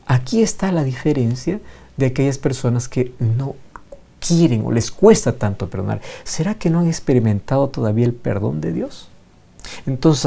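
A man's voice: medium pitch, vocal fry, dark tone. A man preaching a sermon, emphatic and fond of repeating phrases for effect.

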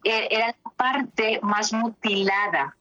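In an interview, a woman therapist reflectively recounts stories from her practice, pausing and using fillers. Her mid-range voice has a sharp tone, and the recording sounds muffled.

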